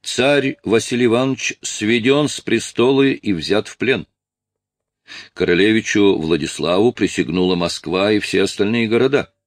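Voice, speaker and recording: A man's voice: lowish voice, moderate pace, no echo, studio quality, voice pushed up, natural voice. A man voicing a blunt musketeer captain speaking for his regiment.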